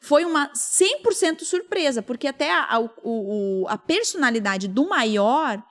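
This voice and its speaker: A woman in her thirties hosts a casual podcast, telling a personal story with feeling and acting out other people's lines. Her voice sits high, very animated yet unhurried.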